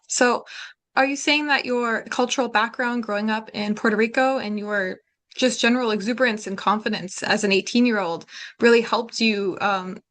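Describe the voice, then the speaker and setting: Woman, podcast host, affirming, long summarizing questions, mid-pitched voice. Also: a bit bright. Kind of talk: interview questions.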